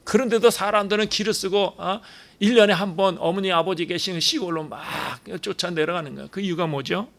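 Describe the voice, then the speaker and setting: A man's voice: high voice, fairly quick, a bit bright. A male pastor preaching a sermon, emphatic, asking rhetorical questions and dropping in short affirming "yes" interjections.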